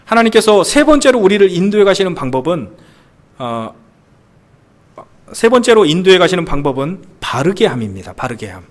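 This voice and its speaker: A man in his thirties preaching a sermon in a church, asking the congregation questions and telling stories about his young sons. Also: high-pitched. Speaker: pastor. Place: church sanctuary.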